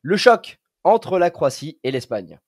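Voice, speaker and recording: A man's voice: a little high, sing-song, a little slow. A man with a French accent hosting a football podcast, leading the talk and handing over to his columnists. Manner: leads the talk, hands over to guests. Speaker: podcast host.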